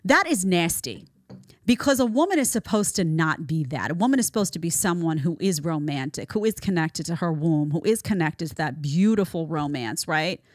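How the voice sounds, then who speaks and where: A woman's voice: low voice, animated, moderate pace, dry recording, clean studio sound. Emphatic, opinionated woman podcast host. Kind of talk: social commentary monologue.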